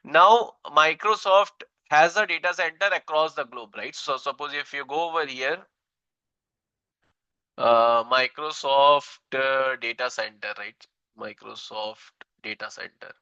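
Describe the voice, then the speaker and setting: A man's voice: mid-range voice, unhurried, sharp tone, smooth, no room sound, muffled recording. A man in his thirties with an Indian English accent, teaching an online tech class, repeating himself and checking in with "right?" after each point. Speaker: instructor.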